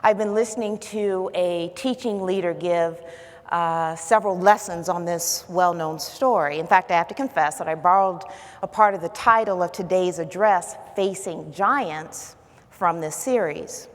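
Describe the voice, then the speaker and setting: A woman giving a conference keynote, telling a personal story with dramatic swings from hushed to emphatic. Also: fairly low pitch, unhurried. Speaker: keynote speaker. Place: large conference hall. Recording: hall reverb.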